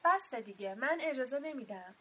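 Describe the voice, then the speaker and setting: A woman's voice: medium pitch, natural voice. A woman reading aloud and voicing a bossy, flustered middle-aged uncle who gives orders. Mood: commanding. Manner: commanding, flustered shouting.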